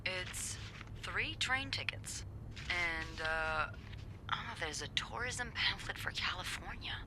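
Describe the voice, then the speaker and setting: A sly, casual female voice, fairly low and slow, with background noise behind it. An actress voices a young hotel receptionist in a mystery video game, sardonic and playful, teasing and expressive as she chats.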